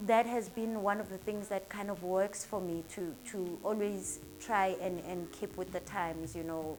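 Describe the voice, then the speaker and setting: There is a little hiss or hum as a woman with a medium-pitched voice speaks. She owns a salon in Durban, is in her thirties, has a South African accent, and answers interview questions in an earnest, upbeat, motivational style.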